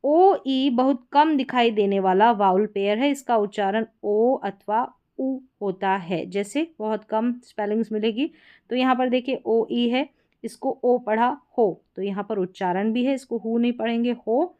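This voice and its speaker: A woman teaching a pronunciation lesson, her voice fairly high and smoothly clear. She explains the rules patiently and stretches out each example word as she reads it. The recording sounds dull and lo-fi. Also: warm tone. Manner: slow, drawn-out reading of example words. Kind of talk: explaining and reading example words aloud.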